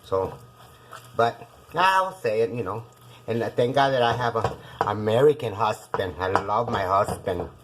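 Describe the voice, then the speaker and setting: A very deep-voiced woman from Puerto Rico, Spanish her first language and her accent Puerto Rican, chats through a casual home cooking show in her kitchen, often calling viewers "guys." Her intonation is lively at a normal speed, and the rough recording carries a little hiss or hum.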